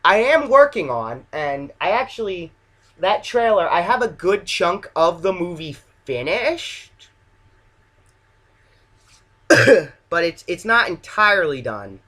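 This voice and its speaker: A man's voice: high voice, sing-song, slow pace, long pauses, bright, forceful tone. A man giving casual, unscripted director's commentary as an amateur filmmaker, hesitant and self-deprecating.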